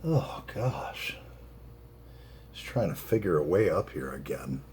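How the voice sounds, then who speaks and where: A man chatting casually in a solo pipe tobacco vlog, unhurried and halting, drifting into rambling asides. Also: low voice, big pitch swings, a little mellow, slight background noise.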